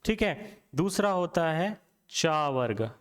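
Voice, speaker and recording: A man's voice: fairly high pitch, big pitch swings, clean tone. A young man teaching a Hindi grammar lesson, sounding out letters one by one and asking the viewer questions. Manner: slow, repeats sounds aloud and quizzes the viewer.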